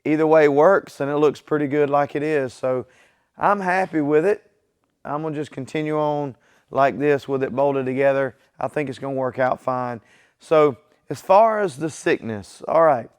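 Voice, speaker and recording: In his home garage workshop, a man hosts his own channel and chats casually with viewers in a plain, easygoing way. His fairly high voice moves at a moderate pace and sounds smooth, though illness has left it weak.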